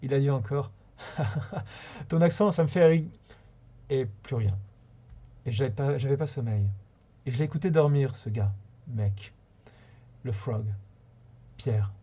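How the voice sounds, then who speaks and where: A man reading a short story aloud on a live stream, unhurried, now and then stumbling and rereading a phrase. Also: mid-range voice, dark tone, breathy edge. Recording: slightly dull lo-fi sound.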